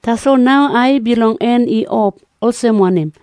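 Casting: actress for cautious mother, fairly high mellow voice, Papua New Guinean accent, scripture drama. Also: moderate pace, dry recording, studio quality, natural voice. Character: cautious, evasive mother of a grown son.

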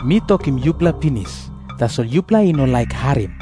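A man's voice: mid-range voice, big pitch swings, normal speed, warm tone, natural voice. A man with a Papua New Guinean accent acting a stubborn, plain-spoken healed blind beggar in a scripture drama. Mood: insistent. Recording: prominent music behind the voice.

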